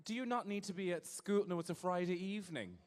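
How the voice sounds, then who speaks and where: A male host works the crowd at a live show in a big venue, playful, teasing and campy, holding a handheld mic. His voice is high-pitched and fast, and the hall is echoey.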